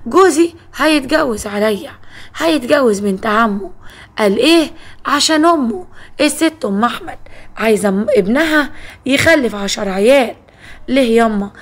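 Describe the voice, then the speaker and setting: A woman voicing a wronged young wife with an Egyptian accent who pleads and complains. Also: on the high side.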